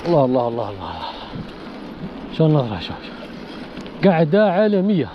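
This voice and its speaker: A man with a western Algerian accent chatting casually and excitedly repeating short phrases for an outdoor vlog, with wind noise on the mic. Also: fairly high pitch, brisk, lo-fi sound. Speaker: vlogger on a bicycle trip. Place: outdoors in open countryside.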